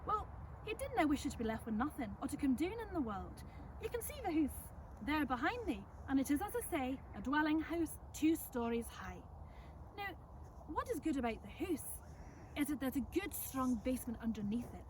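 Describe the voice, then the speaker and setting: A woman's voice: high-pitched, recorded from a distance, a little hiss or hum, rough recording. A woman playing a chatty, folksy servant of centuries past, telling visitors a tale in an Ulster Scots accent. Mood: chatty, welcoming. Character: chatty, welcoming servant woman of a 17th-century Irish estate. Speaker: costumed storyteller. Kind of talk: in-character historical storytelling to visitors. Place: outdoors in front of a house.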